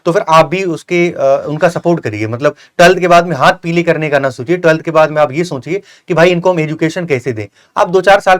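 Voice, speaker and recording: A young man who hosts a coaching channel interviews a successful candidate. His fairly bright voice sits on the high side, and he offers earnest, repetitive advice packed with fillers.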